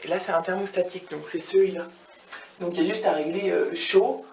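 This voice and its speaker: Chatty low-voiced woman vlogging, noisy background. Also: fairly even intonation, a little fast, a little mellow. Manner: chatty and rambling, drops English words into her talk. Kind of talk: casual vlog chat. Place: hotel room.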